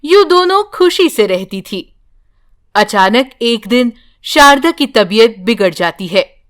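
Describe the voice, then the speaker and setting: High-voiced woman narrating a bedtime story. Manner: slow, calm storytelling.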